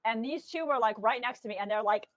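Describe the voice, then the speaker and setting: A woman medium telling stories in casual chat, animated and acting out voices with laughter. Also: on the high side, fast talker, muffled recording. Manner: lively, animated, acts out quotes with laughter. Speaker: guest medium.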